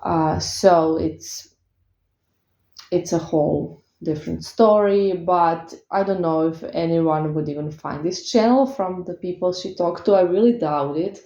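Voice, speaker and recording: Here a Croatian tarot reader with a Croatian accent talks casually to her viewers in a lowish, dark-toned voice, hesitating and using many fillers. It's recorded in an echoey room with dull, lo-fi sound.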